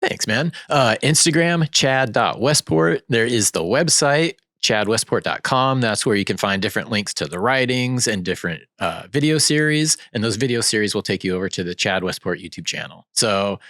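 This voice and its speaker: A man's voice: on the low side, animated, normal speed, hardly any pauses, a bit bright, dry recording, studio quality. A man from Washington state chatting as a podcast guest, laid-back and given to repeating words. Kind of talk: casual chat.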